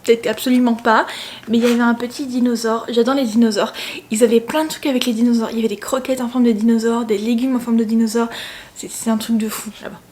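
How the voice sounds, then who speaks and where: Young woman vlogging, talks fast and playful, pitch a bit high, slight hiss behind. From France. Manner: chatty, animated storytelling, playful asides. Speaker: travel vlogger. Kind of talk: casual vlog chat.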